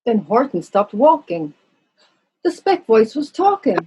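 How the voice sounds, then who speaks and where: A woman's voice: a little high, very animated, unhurried, darkish tone, slightly rough. A woman narrating a rhyming children's story from a script, on a slightly muffled recording.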